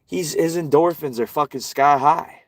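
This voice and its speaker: A man's voice: a little high, normal speed, dry recording. A man ranting and swearing constantly while walking outdoors in a park, vlogging. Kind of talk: profane outdoor rant.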